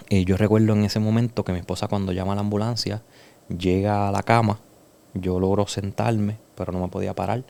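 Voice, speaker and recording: Gravelly Puerto Rican man telling his story. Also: fairly low pitch. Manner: earnest, emotional storytelling, soft and slow in heavy moments. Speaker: podcast guest. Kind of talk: personal testimony in a conversation.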